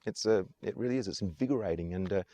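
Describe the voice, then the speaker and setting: A deep, warm-toned man speaks quickly, answering interview questions outside on an island. He's a tour guide from Adelaide, South Australia, and he comes across as casual, earnest and enthusiastic, praising things over and over. No room sound is audible.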